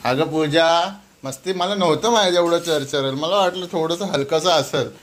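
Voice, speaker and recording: A man's voice: a little high, moderate pace. A man hosting a casual couple vlog, teasing his wife and then sheepishly apologizing. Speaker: vlogger husband.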